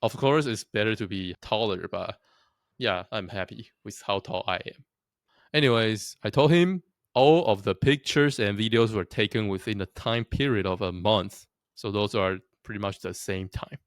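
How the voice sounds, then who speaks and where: Chatting casually with his viewers on camera, a young Taiwanese vlogger pokes fun at himself and laughs often. He has a lowish voice at normal speed, and the recording is dry and studio quality.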